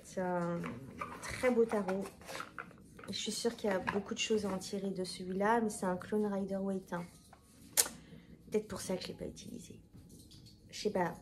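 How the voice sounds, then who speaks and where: A woman's voice: medium pitch, fairly even intonation, normal speed, long pauses, background noise. A woman chatting casually to her viewers, rambling with fillers and self-corrections. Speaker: tarot video creator. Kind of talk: casual talk to camera.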